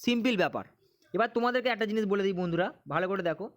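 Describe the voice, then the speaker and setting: Guy with a really high voice, teaching exam stuff, keeps repeating and asking questions. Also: rapid-fire. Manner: repetitive, drilling questions and answers. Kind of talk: exam-prep chemistry lesson.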